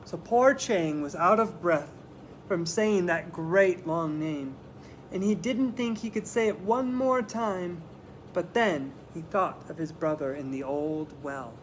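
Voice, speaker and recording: A man with a voice on the high side reads a picture book to children, using dramatic phrasing, slowing for emphasis, and adding simple explanatory asides. The audio is poor, with clear background noise.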